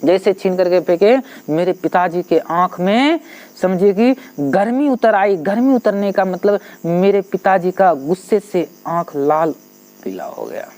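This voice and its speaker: A male teacher explaining a literature text. He retells the story in an animated way, paraphrasing and repeating lines as he goes. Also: high voice, measured pace.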